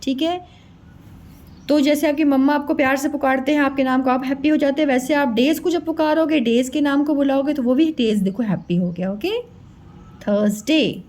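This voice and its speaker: A woman teaching children, slowly spelling words out letter by letter in a sing-song way. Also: high-pitched, a little mellow. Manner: slow, sing-song letter-by-letter spelling, addresses kids as beta.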